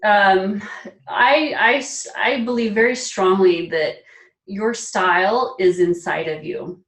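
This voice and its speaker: A lively, emphatic woman in her forties talks about personal style as an interview guest, mid-pitched and often laughing. Her voice sits some way from the microphone, so it sounds distant. The room adds a noticeably echoey tail. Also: slow pace. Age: 40s. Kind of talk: casual interview chat.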